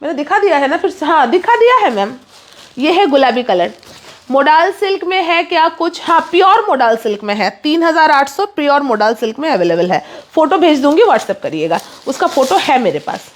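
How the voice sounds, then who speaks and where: A woman with a high, light voice runs a live saree sale. She rattles off prices and repeats her calls to book fast, slipping English words into a pushy, rapid patter. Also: very animated. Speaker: online saree seller. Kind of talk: live sales stream.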